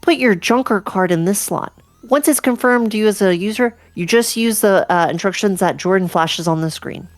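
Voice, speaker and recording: A woman playing a retro adventure game with friends, reading character dialogue aloud with lively rises in pitch. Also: moderate pace, no room sound. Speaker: let's play player.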